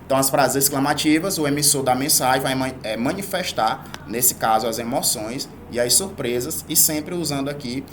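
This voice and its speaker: A man with a mid-range, somewhat bright voice delivers a Portuguese grammar video lesson at normal speed with barely any pauses, over slight background noise. Patient and didactic, he stretches key words and keeps asking "né?" and "tá?".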